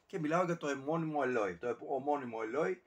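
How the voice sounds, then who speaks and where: A man casually ranking albums on camera, talking in a rambling, digressive way with many fillers and self-corrections. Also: fairly high pitch. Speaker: music reviewer.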